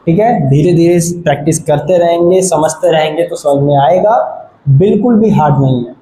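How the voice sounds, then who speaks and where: High-voiced man teaching patiently. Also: normal speed, mellow. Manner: patient, repeats "ठीक है" to check understanding. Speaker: shorthand teacher. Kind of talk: board lesson explanation. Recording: echoey room, faint background noise.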